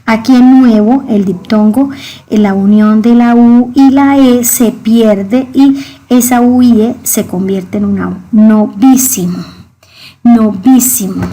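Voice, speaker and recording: A woman's voice: a little high, mellow. A woman teaching a grammar lesson, speaking to her students directly and patiently repeating the key words.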